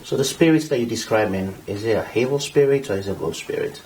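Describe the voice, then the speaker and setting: A man's voice: on the low side, fast talker, darkish tone, low-quality recording. A man interviewing a guest, asking brief, plain questions in an indoor room.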